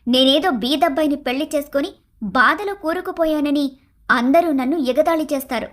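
A high, piercing voice of a young cartoon wife, acted by a woman, forever discontented and demanding. She whines, taunts and shouts her complaints, scornful and self-pitying. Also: moderate pace, close to an everyday voice. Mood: complaining. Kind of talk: animated cartoon story voice acting.

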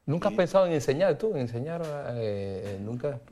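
Lively-voiced male interviewer. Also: mid-range voice, moderate pace. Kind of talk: interview questions.

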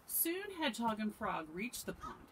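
A woman reading a picture book aloud to camera, expressive with dramatic pauses. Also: a little high, noisy background. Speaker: storyteller.

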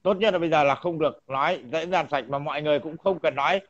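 A man's voice: fairly high pitch, quick pace. A man, chatting earnestly and agreeing often. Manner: agreeing, short assents, earnest. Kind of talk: casual chat. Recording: dull lo-fi sound.

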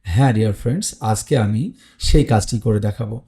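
A man's voice: lowish voice, a little fast, mellow. A man teaching English pronunciation in an online lesson, explaining plainly with frequent "ah" fillers. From Bangladesh or West Bengal.

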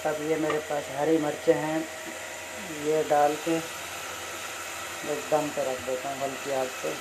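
A man's voice: a little high, flat delivery, a little slow, very noisy. A young man narrating his home cooking step by step in a plain, matter-of-fact way, filmed on a phone in his kitchen. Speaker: cooking vlogger. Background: frying and sizzling in the pan.

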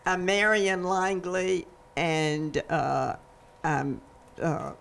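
A woman in her eighties from Atlanta, introducing herself slowly and haltingly. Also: on the low side, little pitch movement, vocal fry. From Atlanta, Georgia. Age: 80s. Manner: slow, halting, with fillers. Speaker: senior center member. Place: large community room indoors. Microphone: handheld mic.

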